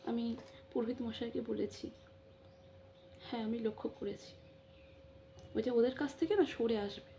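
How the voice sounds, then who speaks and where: A woman's voice: on the high side, steady tone, normal speed, creaky, long pauses, warm tone, slight background noise. A middle-aged woman vlogger giving an emotional personal monologue. She talks with passion, repeats phrases and keeps affirming herself with short interjections. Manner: impassioned, repetitive, frequent affirming interjections.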